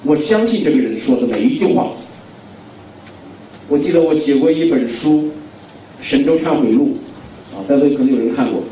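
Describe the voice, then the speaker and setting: A man's voice: mid-range voice, animated, normal speed, long pauses, warm tone. Man, middle-aged, from China, preaching a sermon, emphatic and repetitive, heavy hall echo, faint background noise. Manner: emphatic, repeats key phrases, asks the audience questions. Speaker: guest preacher. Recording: very echoey hall, distant mic.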